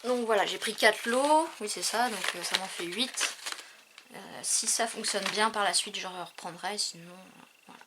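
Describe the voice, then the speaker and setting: A woman's voice: mid-range voice, moderate pace. Woman, craft haul chat, lots of fillers, noisy recording. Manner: hesitant, many fillers, trailing off. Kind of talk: casual chat showing purchases.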